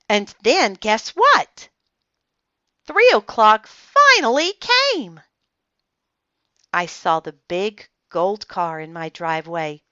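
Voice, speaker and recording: A woman reading a children's book aloud in an expressive storytelling manner, on a slightly muffled dry recording. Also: fairly low pitch, smooth, no room sound. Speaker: storybook reader.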